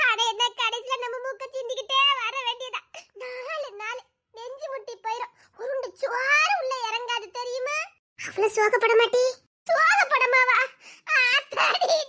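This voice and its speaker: A woman's voice: very high voice, sharp tone. A woman, playing two teasing girlfriends in a comedy skit with playful, melodramatic chatter. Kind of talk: village comedy skit dialogue.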